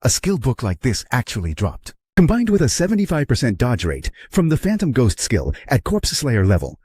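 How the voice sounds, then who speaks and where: A man's voice: mid-range voice, huge pitch swings, normal speed, a little mellow, husky, no echo. A man narrating a story recap in a dramatic storytelling manner. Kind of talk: scripted narration.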